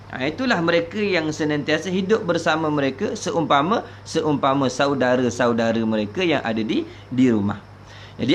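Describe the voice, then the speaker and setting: A man with a Terengganu Malay accent teaching from a religious book, explaining slowly and repeating key phrases with many filler sounds. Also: medium pitch, dull audio, a little hiss or hum.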